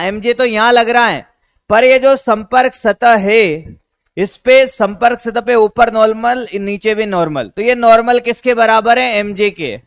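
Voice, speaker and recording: A man's voice: sits high, fairly bright tone, no echo. A male physics teacher lecturing a class, repeating questions to his students and calling them "beta".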